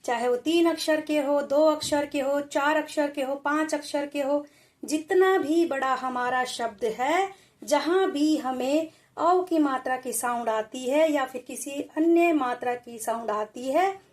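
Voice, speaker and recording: A woman teacher giving a reading lesson for children, sounding out words slowly and repeating each one. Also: sits high. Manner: addresses children as beta.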